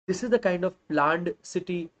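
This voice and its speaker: High-pitched North Indian man teaching emphatically. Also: normal speed. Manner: emphatic, interjects Hindi phrases. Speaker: online social science teacher. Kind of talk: live exam revision lecture to students.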